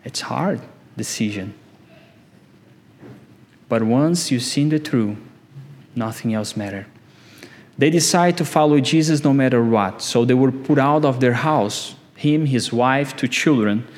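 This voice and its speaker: Slow-preaching man. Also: mid-range voice. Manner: slow, emphatic preaching, rising on key words. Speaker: pastor. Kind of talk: sermon.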